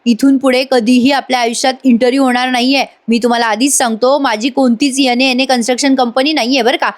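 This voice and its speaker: A blunt middle-aged boss talking on the phone, put on by a woman narrator. He is curt and dismissive, and the voice sits fairly high. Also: fairly even intonation, fast talker, natural voice.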